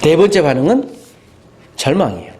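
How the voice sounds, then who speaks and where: A man preaching a sermon as pastor, animated, acting out inner voices and asking the congregation questions. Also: fairly high pitch, a little fast.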